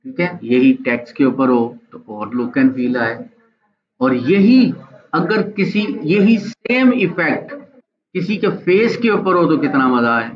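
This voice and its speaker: A man teaching a live online graphics software class, chatty and encouraging, often checking in with his students. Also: mid-range voice, lively intonation, measured pace, muffled recording.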